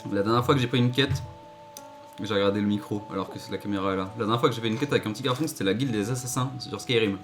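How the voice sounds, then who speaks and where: A man's voice: on the low side, very fast, faint music behind. A man co-hosting a casual Let's Play, bantering and joking in a laid-back way. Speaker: gaming video co-host.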